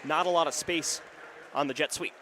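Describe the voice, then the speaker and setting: A young man's sharp, high-leaning voice at normal speed calls an American football game for live radio, though the recording quality is low. His stadium booth clearly picks up the crowd and outdoor ambience around him.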